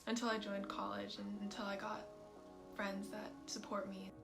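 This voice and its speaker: Woman, young adult, college student, reflective interview, mid pitch, guitar music underneath. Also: monotone, moderate pace, vocal fry. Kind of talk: documentary interview.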